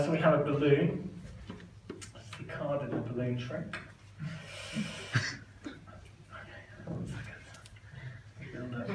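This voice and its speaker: A man performing stand-up comedy with magic tricks, chatty and self-deprecating, often laughing at his own stories. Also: mid-range voice. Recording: echoey room, mic from far off, noisy.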